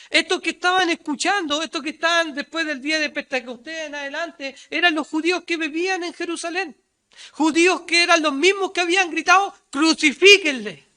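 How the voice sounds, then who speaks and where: In this sermon, a man with a Chilean Spanish accent reads scripture aloud and poses rhetorical questions he then answers himself. He goes loud and high whenever he quotes the crowd, and drops to a low, quiet voice on asides.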